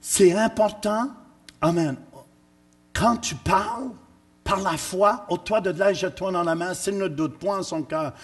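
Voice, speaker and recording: A man preaching a sermon in church, emphatic and teasing, rising at times to shouts. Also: high-pitched, unhurried, slightly rough. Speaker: pastor.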